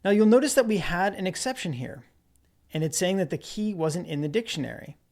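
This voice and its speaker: Guy walking through code on screen, relaxed, explains as he types. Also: high-pitched, brisk. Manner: relaxed explanatory, narrates while typing. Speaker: developer presenter. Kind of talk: screen-recorded coding walkthrough.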